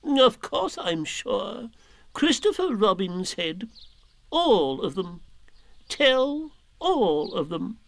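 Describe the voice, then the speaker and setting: A man's voice: sits high, sing-song, drawn-out words, creaky, dry recording, pitched above the performer's own voice, full character voice. A man voicing a fussy, self-important old male owl in a storybook reading, speaking in a precise, slightly impatient way.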